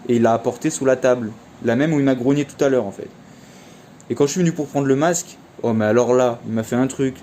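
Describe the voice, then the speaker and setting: A man's voice: mid-range voice, quick pace, dark tone. A young man telling a casual story in a vlog, chatty and slangy, full of fillers. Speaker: vlogger.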